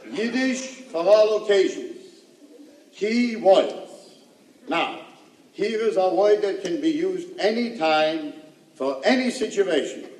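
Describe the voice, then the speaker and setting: A man doing a self-important comedy professor who lectures in a high, unhurried voice with a showman's timing. The record sounds distant and roomy, with noise running underneath. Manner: lecturing, theatrical, punchline timing. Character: pompous male professor running a crash course. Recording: echoey, distant, noisy old comedy record.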